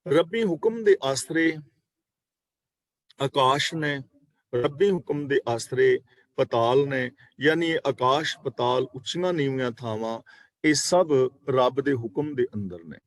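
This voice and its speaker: A man teaching a scripture class, reciting verses slowly and then explaining each word, at times correcting how a word is pronounced. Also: mid-range voice, no echo. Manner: corrects pronunciation letter by letter. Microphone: online video call.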